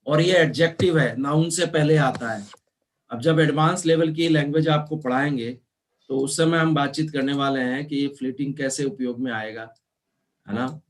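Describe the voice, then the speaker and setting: A man teaching an online class, explaining slowly and spelling words out letter by letter, mixing in English terms. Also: on the high side. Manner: mixes Hindi with English terms. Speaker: law teacher.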